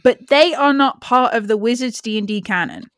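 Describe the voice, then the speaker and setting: A woman co-hosting a casual podcast, talking frankly, swearing freely and laughing often. Her voice sits a little high, and it sounds dry and close with no room echo. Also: normal speed, fairly bright tone. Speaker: podcast co-host. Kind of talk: casual chat.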